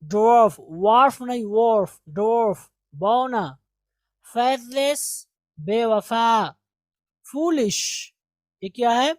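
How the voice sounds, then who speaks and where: A woman teaching English vocabulary, repeating each word slowly for pronunciation drill. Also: on the high side, animated, a little mellow, dry recording.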